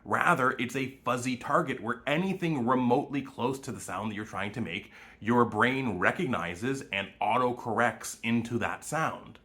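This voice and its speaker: A man's voice: mid-range voice, normal speed, few pauses, pushed and bright. A man with a Canadian accent, explaining speech sounds and demonstrating vowels in a short educational video. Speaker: language educator.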